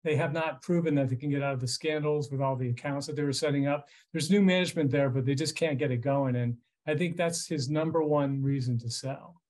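Speaking fairly quickly in a medium-pitched, slightly mellow voice, a fifties-aged American man offers loose, explanatory remarks as a financial expert. He's a financial journalist on a video call, seated in a small furnished room in his home.

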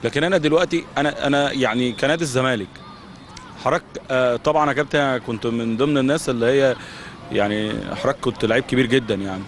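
A middle-aged man with an Egyptian accent, a youth club official answering interview questions on a handheld mic at an outdoor football pitch at night. He argues heatedly and fires off rhetorical questions. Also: rapid-fire, slight background noise. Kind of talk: studio-style interview answers.

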